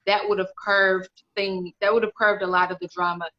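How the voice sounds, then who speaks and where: A woman in her thirties, appearing as a guest author in a casual interview chat, speaks candidly and rambles, often circling back and restarting her thoughts. Her medium-pitched voice is bright and forward yet flat in delivery, at a moderate pace. It comes through a video call with dull, lo-fi livestream audio.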